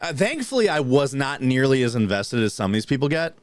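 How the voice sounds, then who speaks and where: A man's voice: medium pitch, big pitch swings, a little fast, no echo. A man co-hosting a podcast who tells a long story in casual chat and then reads news items. He talks in a rambling, profane way, with many restarts and fillers. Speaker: podcast co-host.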